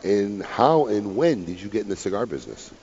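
Very deep-voiced male radio host. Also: very animated, fairly quick, darkish tone, breathy edge, lo-fi sound. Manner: joking, teasing banter. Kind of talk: casual radio talk.

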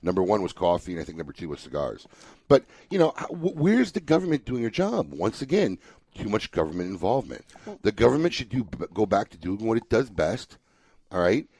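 Animated man ranting as a podcast host. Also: on the low side, brisk, slightly rough, no echo. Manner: animated, ranting, frequent restarts. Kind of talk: casual opinionated chat.

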